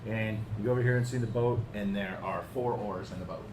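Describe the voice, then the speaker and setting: A man's voice: fairly low pitch, fast. A man narrating as game master, describing scenes casually with fillers. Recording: echoey room with background noise.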